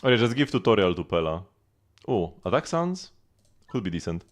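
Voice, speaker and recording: Over music, a game streamer riffs casually with his viewers, thinking out loud as he plays. His voice is lowish and fairly quick, swinging widely in pitch as he keeps up the offhand livestream chatter.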